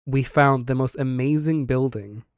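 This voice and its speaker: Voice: medium pitch, measured pace, a little mellow, clean tone, no room sound. A streamer recounts their roleplay adventure in a loose, rambling way, full of ums and little jokes at their friends' expense. The voice sits in a middling register and is recorded close and dry on a desk mic. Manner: rambling, filler-heavy, teasing. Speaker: streamer recapping a roleplay story. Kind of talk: casual roleplay storytelling.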